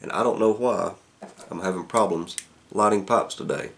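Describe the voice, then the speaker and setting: A man giving a casual product review, halting as he thinks aloud. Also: lowish voice, creaky. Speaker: pipe tobacco reviewer.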